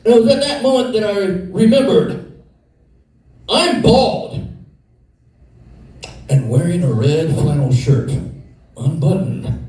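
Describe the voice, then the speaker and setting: A man's voice: on the high side, darkish tone. A man telling a comedic story in a profane, exasperated rant, recorded far from the mic in a very echoey room.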